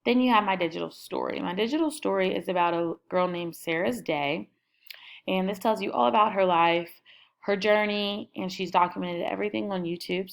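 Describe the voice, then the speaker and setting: Screen recording voice-over: young woman, low-ish, creaky, casual upbeat walkthrough. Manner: casual, upbeat listing of items. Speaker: student presenting her class website.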